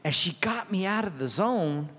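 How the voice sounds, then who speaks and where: A man's voice: normal speed, breathy edge, in a large hall. A man preaching a sermon, telling stories and acting out quotes with sudden jumps in his voice. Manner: animated, acts out quotes with sudden pitch jumps. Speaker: pastor. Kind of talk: sermon with storytelling.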